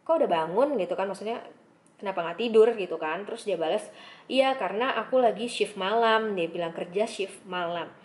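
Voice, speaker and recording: A young woman telling a story in a casual vlog, chatty and animated, acting out the messages she read. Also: medium pitch, a little fast. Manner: chatty, animated retelling with frequent filler tags. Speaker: vlogger.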